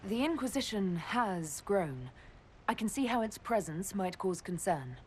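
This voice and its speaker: Composed woman leader, measured and diplomatic, mid-pitched; for a game. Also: a little hiss or hum. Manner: calm, diplomatic. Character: composed female leader, the Inquisitor. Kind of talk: video game cutscene acting.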